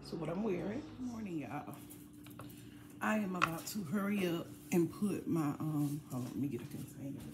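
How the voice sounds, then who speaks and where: A woman's voice: fairly low pitch, expressive, normal speed, noisy background. A tired woman chatting casually while she cooks and cleans in her home kitchen. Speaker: family vlogger. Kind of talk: casual chat.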